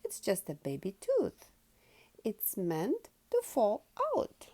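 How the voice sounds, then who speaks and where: A gentle storybook mummy pig, acted by a woman reader. She explains things patiently and slowly, in a mellow, lilting tone. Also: medium pitch, huge pitch swings, pitched above the performer's own voice, exaggerated voice. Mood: patient explaining. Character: gentle, reassuring mother pig.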